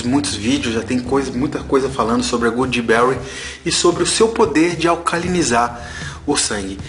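A man's voice: on the high side, a bit bright. Emphatic preachy man in his forties. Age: 40s. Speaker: health vlogger. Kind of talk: casual vlog, unboxing and health advice.

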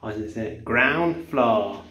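A man's voice: mid-range voice, animated, slow pace, bright, forceful tone, slight background noise. A man giving casual running commentary as he films inside a lift. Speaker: lift enthusiast filming a vlog. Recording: echoey metal lift cabin.

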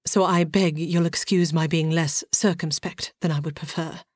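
A woman voicing a reserved, formal male nobleman who speaks quietly and with earnest, halting sincerity. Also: sits low, steady tone, husky, dry recording.

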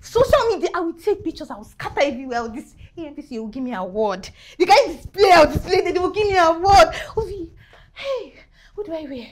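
Giddy nigerian fangirl, super high voice, jumps all over the place. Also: fast. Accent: Nigerian English. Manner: excitable, squealing, pleading. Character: gushing young woman, starstruck superfan. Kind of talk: film drama.

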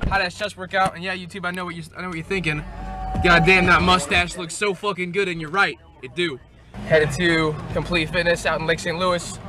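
A man's voice: sits high, flat delivery, brisk. Hyped young man vlogging from a car. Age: young adult. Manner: hyped, profane, joking. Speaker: fitness vlogger. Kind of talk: casual vlog chat. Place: inside a car at night. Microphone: camera held at arm's length. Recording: noisy car and street ambience.

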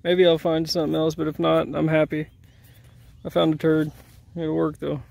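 A man's voice: a little high, completely flat delivery, normal speed, creaky, darkish tone. A man casually narrating an outdoor arrowhead hunt in a crop field, easygoing and self-deprecating, recorded on a handheld camera. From Indiana. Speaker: arrowhead hunter filming his finds. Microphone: handheld camera mic.

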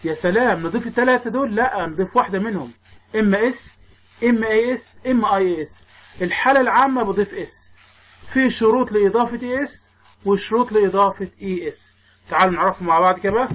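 A man with an Egyptian Arabic accent teaching English grammar in a recorded lesson. He explains step by step, asking questions and answering them himself, and reads word lists slowly for the class to repeat. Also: sits high, a bit bright, low-quality recording.

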